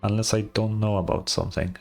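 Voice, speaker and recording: A man streams himself playing a video game, commenting in a laid-back, hesitant way over faint background game music. His lowish voice is gravelly and a little mellow, steady in tone, and he talks fairly quickly.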